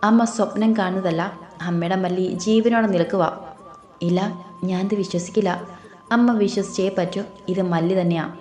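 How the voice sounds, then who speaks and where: A woman's voice: medium pitch, fairly even intonation, moderate pace, a little mellow, lightly acted. Woman doing a teasing young brother. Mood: firm. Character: confident young man, teasing older brother. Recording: echoey room.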